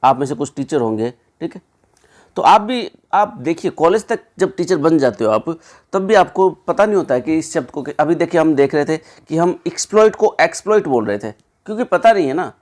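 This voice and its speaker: High-voiced male exam tutor. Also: lively intonation, darkish tone. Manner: conversational, repeats "ठीक है" and "दोस्तों"; reads English options slowly, then explains. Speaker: exam-prep teacher. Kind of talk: explaining exam answers.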